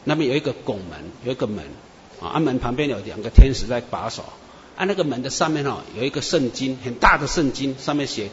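A man preacher, telling dream testimonies in an animated storytelling sermon. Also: medium pitch, fast, slight background noise. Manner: animated storyteller, many "啊" and "哈" tags. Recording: echoey muffled hall with faint ambience.

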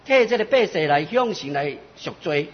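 Man, preacher, husky voice, short sermon phrases, dull echoing hall. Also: fairly high pitch, expressive, normal speed. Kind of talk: sermon in Taiwanese Hokkien. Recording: lo-fi recording with long hall reverb.

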